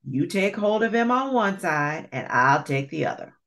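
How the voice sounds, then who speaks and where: A woman voicing a quarrelsome bad male alligator in a storybook, loud and bickering. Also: fairly low pitch, big pitch swings, normal speed, voice pushed up. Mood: scheming.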